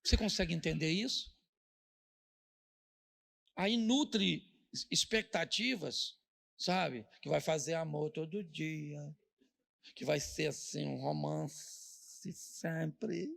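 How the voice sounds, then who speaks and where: A middle-aged Brazilian pastor preaches with a joking, storytelling delivery and slips into the voices of the people he describes. His voice sits high and is heavily gravelly, full of fry. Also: slow pace, long pauses, a bit bright. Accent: Brazilian Portuguese. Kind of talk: humorous sermon.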